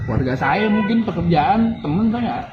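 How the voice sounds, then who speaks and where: A man's voice: high voice, expressive, normal speed. Earnest young man, muffled noisy recording. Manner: earnest, emotional storytelling with soft laughs. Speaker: interviewee. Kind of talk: casual personal story told to an interviewer. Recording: muffled lo-fi recording with audible noise.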